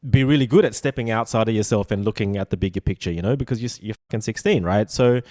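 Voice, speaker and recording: Man in his forties, podcast host, rambling and halting, casual, swears, fairly low voice. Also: dark tone. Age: 40s.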